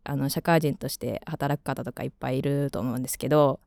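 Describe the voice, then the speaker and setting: Chatty Kansai woman with a low voice. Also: fairly even intonation, fast talker, gravelly, darkish tone, dry recording, clean studio sound. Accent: Kansai Japanese. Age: 20s. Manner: chatty, rambling, with frequent fillers. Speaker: radio host. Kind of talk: casual radio chat.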